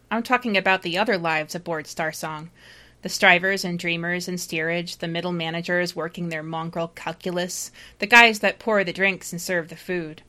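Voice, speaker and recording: Woman performing an anguished doomed space lighthouse keeper, bright voice. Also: lowish voice. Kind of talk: dramatic first-person monologue read aloud.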